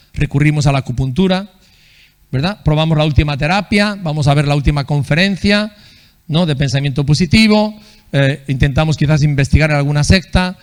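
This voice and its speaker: Male pastor, fairly high voice, conversational sermon delivery, keeps checking in with the congregation. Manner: conversational, asks the congregation "¿verdad?" often; acts out quoted people in a raised voice. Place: church.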